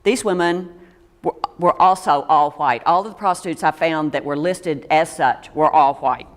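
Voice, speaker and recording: A woman's voice: low voice, moderate pace, in a large hall. A woman giving a local history talk to an audience in a meeting room, reading steadily from notes with small stumbles and dry asides.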